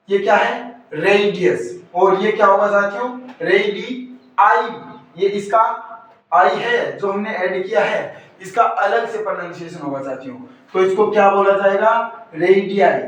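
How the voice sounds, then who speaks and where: A man's voice: sits high, fairly bright tone. A male teacher giving an exam-prep grammar lesson, repeatedly asking questions and answering them himself. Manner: repetitive call-and-answer questioning. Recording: very echoey room, far from mic.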